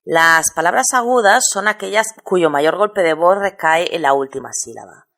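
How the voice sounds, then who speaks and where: Low voiced lady teacher, patient, spells out syllables slow. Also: lively intonation, a bit bright. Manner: patient, explains step by step and spells out syllables slowly. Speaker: Spanish teacher. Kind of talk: recorded lesson on spelling rules.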